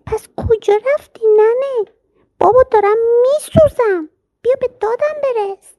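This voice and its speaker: A tiny talking chickpea boy from a storybook, cheeky and panicky. The voice is squeaky and extremely high, with loud squealing cries. It sounds dry and close. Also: no echo, dull audio. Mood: panicked.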